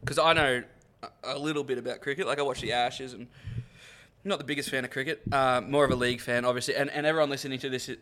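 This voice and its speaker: Man, Australian accent, bright forceful voice, loud matey lad banter, blokey podcast chat, sweary, rambling. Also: medium pitch, fairly even intonation, fast talker. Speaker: sports podcast co-host.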